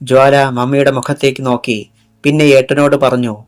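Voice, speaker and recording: A man's voice: mid-range voice, flat delivery, normal speed. A man narrating a crime thriller audiobook with dramatic storytelling. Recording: faint background music.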